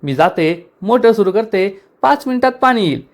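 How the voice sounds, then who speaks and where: Guy reading as a calm young woman in charge, firm and reassuring, high voice. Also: normal speed. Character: calm determined young woman, village head.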